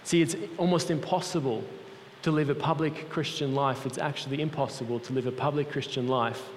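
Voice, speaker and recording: A slight hiss or hum runs beneath this recording of a young man from Switzerland, voice pitched on the high side, giving an earnest and personal sermon. He speaks with a Swiss accent as a mission group's guest speaker, and the large church hall lends a long reverb.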